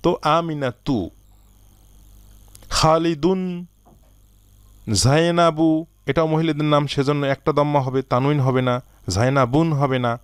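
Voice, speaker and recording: A man teaching an Arabic lesson, slowly reading out word lists and asking learners to answer. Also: a little high, little pitch movement, clean tone, no room sound. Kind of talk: recorded language lesson.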